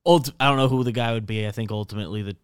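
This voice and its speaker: A man's voice: lowish voice, rapid-fire, clear, resonant tone, no echo. A man talking casually as a sports show panelist. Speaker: sports podcast guest or co-host.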